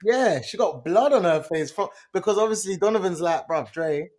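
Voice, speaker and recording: A man co-hosting a podcast, excitable and full of slang in casual chat. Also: high-pitched, fairly quick. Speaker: podcast co-host.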